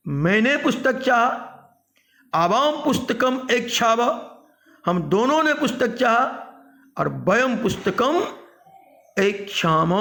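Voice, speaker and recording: A man teaching a grammar lesson, chanting verb forms in a slow sing-song drill and then explaining them. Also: high-pitched, creaky, a bit bright. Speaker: Sanskrit teacher.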